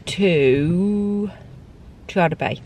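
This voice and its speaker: A woman in her thirties talking to a handheld camera from inside her car and out on a windy coast, chatty and excitable about the weather. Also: on the low side, extremely slow. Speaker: travel vlogger. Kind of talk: casual vlog narration. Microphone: phone or camera held at arm's length.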